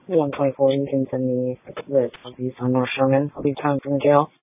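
A man, a police officer, calling in over a police radio transmission in brisk, matter-of-fact radio calls. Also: medium pitch, little pitch movement, no room sound. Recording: tinny radio channel.

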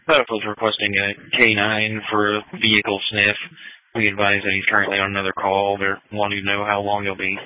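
A man's voice: lowish voice, monotone, a little fast, no echo. A man dispatching over a police radio, terse and clipped, using radio codes. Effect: police radio transmission. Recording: tinny lo-fi radio audio.

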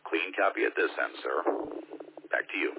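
A man's voice: deep voice, animated, normal speed, vocal fry. A man checking in to an amateur radio net, heard over a radio transmission with static. He uses formal radio procedure. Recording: distant, phone-like radio signal with static.

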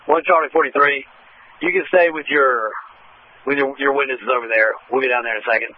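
A police dispatcher, a man, speaking in brisk clipped radio traffic over a police radio transmission. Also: mid-range voice, steady tone, highs cut off. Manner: brisk, routine call codes.

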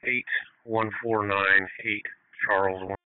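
Male patrol officer on police radio: low, smooth, terse call-ins, narrow tinny sound. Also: little pitch movement, takes it slowly, no echo. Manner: short, matter-of-fact call-ins. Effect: police radio transmission.

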